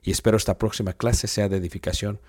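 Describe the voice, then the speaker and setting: Low mellow-voiced guy calmly promoting a bible class, giving blessings. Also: fast talker. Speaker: class announcer. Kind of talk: promotional outro for a Bible course.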